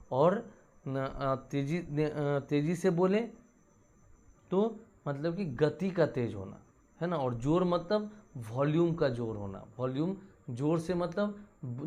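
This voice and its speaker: A man teaching English grammar in a bilingual lesson, explaining in Hindi and reading English example sentences deliberately, often checking in with "ठीक है". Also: a little high, darkish tone.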